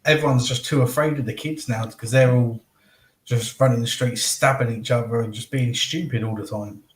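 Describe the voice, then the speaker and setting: A man's voice: medium pitch, steady tone, moderate pace. Man, guest, casual chat, easygoing, echoey room. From England. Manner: easygoing, laughs often. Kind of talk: casual live-stream chat.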